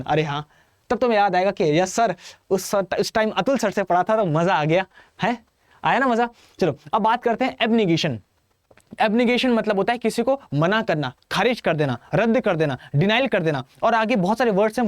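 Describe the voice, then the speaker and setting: A man's voice: high-pitched, no room sound, studio quality. A man with an Indian accent teaching English vocabulary for exam prep, playful and chatty, talking straight to his students. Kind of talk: energetic exam-prep lesson.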